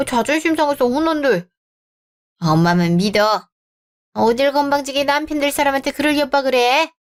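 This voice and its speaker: A meddling middle-aged mother-in-law, voiced by a woman in a radio drama. She is haughty and indulgent toward her son, and she speaks a little high. The read is smooth and story-channel style. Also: normal speed, natural voice. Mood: indignant.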